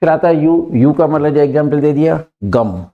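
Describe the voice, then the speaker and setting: A man teaching English pronunciation in a patient lesson, repeating key points and checking in with "clear?" and "right?". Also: on the high side, lively intonation, normal speed, phone-quality sound. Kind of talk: explanatory lesson mixing Hindi and English.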